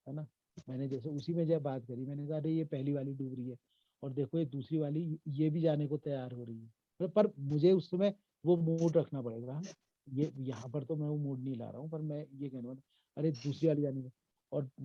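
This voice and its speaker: A man's voice: on the high side, no echo, muffled recording. A man teaching an online acting workshop in a conversational way, acting out bits of dialogue as he explains. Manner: conversational, acts out lines of dialogue. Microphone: video call.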